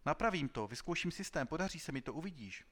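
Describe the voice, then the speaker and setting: Man putting on a shrill, agitated young inventor. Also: lively intonation, fairly bright tone. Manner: high-pitched, pleading and agitated. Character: excitable young male inventor, touchy and desperate. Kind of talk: dramatized audiobook reading.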